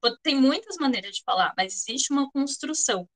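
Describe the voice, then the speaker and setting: Brazilian woman teacher, bright and slightly high voice, patient explanations with frequent check-ins. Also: lively intonation, a little fast, poor audio. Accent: Brazilian Portuguese. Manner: explanatory, often checks in with students. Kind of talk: online class lecture.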